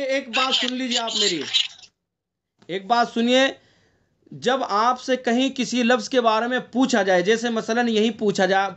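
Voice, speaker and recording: A man teaching Quran recitation in an online class, asking his students questions and going over the rules step by step, with slow drawn-out recitation of the verses. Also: sits high, a bit bright.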